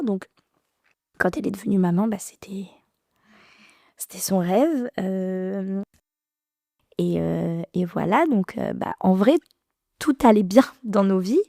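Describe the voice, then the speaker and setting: A woman in her thirties, a podcast guest, recounting a personal story in a halting, emotional way with many restarts. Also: mid-range voice, warm tone, dry recording, clean studio sound.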